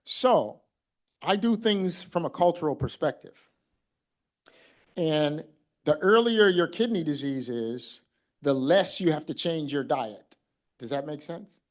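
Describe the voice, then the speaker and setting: A man from Mississippi giving an animated, conversational conference talk as a kidney doctor, acting out what he tells patients. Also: fairly high pitch, takes it slowly, pauses often.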